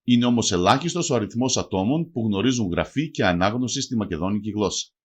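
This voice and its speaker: Man narrating a lively scripted language lesson. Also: fairly low pitch, husky. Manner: slow, deliberate spelling out of example words. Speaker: language teacher.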